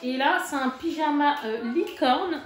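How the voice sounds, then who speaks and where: A woman's voice: high voice, unhurried. Chatty mother in an echoey room. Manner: chatty, chummy, lots of fillers. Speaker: vlogger, mother. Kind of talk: casual haul vlog chat. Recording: echoey room with background noise.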